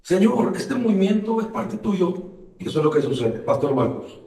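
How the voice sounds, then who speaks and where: A radio host who is also a pastor reads scripture with fervent, emphatic cadence, his high, warm voice very animated at a moderate pace. He sounds far from the mic in a radio studio with a roomy echo.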